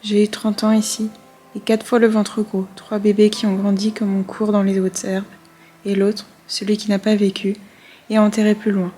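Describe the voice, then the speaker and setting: A woman's voice: mid-range voice, monotone, moderate pace, warm tone, a little hiss or hum, lightly acted. A woman reading aloud in the voice of an elderly grandmother who looks back on her life with grief and tenderness. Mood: wistful.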